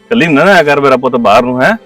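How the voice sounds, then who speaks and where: A man's voice: mid-range voice, lively intonation, quick pace, a bit bright, soft background music, close to an everyday voice. A man playing a stern but loving old grandfather, in a family web drama. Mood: tender coaxing. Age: older. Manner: scolds sharply, then coaxes the child tenderly.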